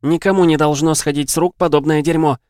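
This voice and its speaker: A man reading an audiobook, voicing a hot-headed young woman duelist who snaps and shouts. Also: fairly high pitch, steady tone, quick pace, dry recording, studio quality, pitched above the performer's own voice, natural voice. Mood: furious. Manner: snapping, shouting.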